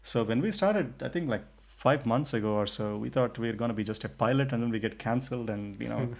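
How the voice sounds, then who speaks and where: A man's voice: medium pitch, fast talker, vocal fry. A man co-hosting a podcast in a casual, chatty way with frequent restarts. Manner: chatty, many restarts and fillers. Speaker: podcast co-host.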